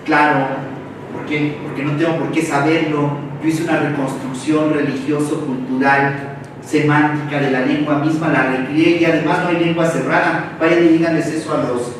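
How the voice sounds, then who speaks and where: A Mexican man lectures a seminar in a big, echoey room, standing well back from the mic. His voice sits a little high for a man. He drives his points with rapid rhetorical questions and slangy asides, over a faint hiss of background noise. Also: flat delivery, distant mic. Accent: Mexican Spanish.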